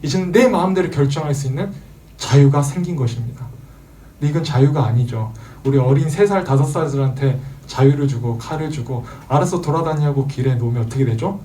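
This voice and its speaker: Animated man preaching to teenagers. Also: a little high, fairly quick, far from the mic. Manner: animated, acts out quoted voices, asks audience questions. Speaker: youth pastor. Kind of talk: sermon to teenagers.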